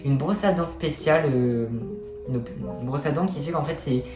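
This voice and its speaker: A man's voice: on the high side, normal speed, over music. Young man chatting in an echoey room. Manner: chatty, self-deprecating, colloquial. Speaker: vlogger. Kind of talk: casual personal storytelling to viewers.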